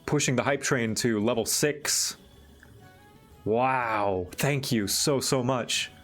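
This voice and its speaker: A man hosts a casual livestream at a slow, easy pace, his mid-pitched voice halting as he thinks aloud. Faint music plays behind him. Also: fairly bright tone. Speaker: livestream host.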